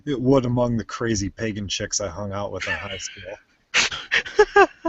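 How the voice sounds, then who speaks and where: A man's voice: fairly low pitch, a little slow, fairly bright tone, highs cut off, a little hiss or hum. A man chatting casually as co-host of a live stream, rambling with lots of restarts and fillers, recorded on a home computer mic. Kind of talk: casual chat.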